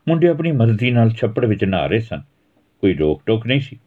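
Lively man narrating a village story. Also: on the low side, brisk. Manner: animated village-story reading, raises voice for quarrels. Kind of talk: storytelling narration with acted dialogue. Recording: tinny phone-like audio.

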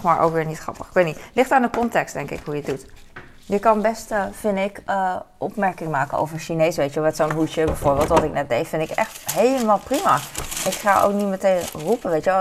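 A woman's voice: lowish voice, slight background noise. A woman in her forties with a Hong Kong Cantonese accent, chatting casually and rambling while doing household chores. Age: 40s. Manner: rambling, lots of fillers. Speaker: mother.

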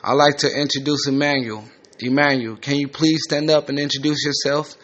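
A man's voice: fairly high pitch, flat delivery, moderate pace, fairly bright tone, highs cut off, lightly acted. A man voicing a patient, formal middle-aged rehab counselor.

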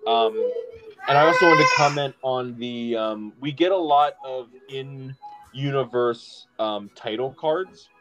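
A podcast co-host, male and medium-pitched, chats casually about a movie at a measured pace, rambling with lots of ums and restarts. The sound is lo-fi.

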